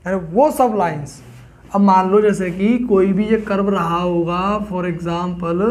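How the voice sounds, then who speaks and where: Male math tutor, fairly high voice, step-by-step classroom explaining. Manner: explains step by step, asks students questions. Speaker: math teacher.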